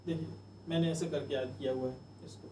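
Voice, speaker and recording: A man's voice: fairly high pitch, fairly even intonation, a little fast, warm tone, echoey room, recorded from a distance, slight background noise, poor audio. A male teacher giving a chatty exam-coaching lecture, repeating memory tricks over and over. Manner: chatty, repetitive drilling of mnemonics.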